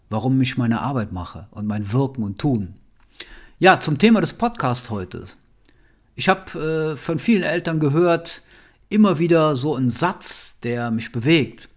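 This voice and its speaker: A nonviolent communication trainer hosts his own podcast, his medium-pitched male voice delivering an earnest, heartfelt monologue. He often closes a thought with a soft, questioning "ja?"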